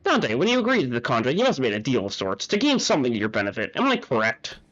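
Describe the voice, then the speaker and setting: A man's voice: medium pitch, wildly swooping pitch, quick pace, a bit bright, dull audio, voice pushed down. Man voicing a cold, condescending researcher. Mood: cold lecturing. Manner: formal, lecturing, patronizing. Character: cold condescending adult male researcher lecturer.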